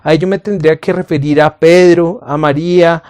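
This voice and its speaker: Male Bible teacher, deliberate and emphatic, poses questions then answers them himself. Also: on the high side, fairly even intonation, a little mellow. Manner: addresses the listener as friend. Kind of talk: recorded Bible lesson to camera.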